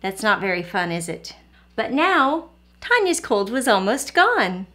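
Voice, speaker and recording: A woman reading a picture book aloud to young children, pausing gently to ask them questions. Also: medium pitch, very animated. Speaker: children's story reader. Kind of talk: read-aloud storytelling for kids.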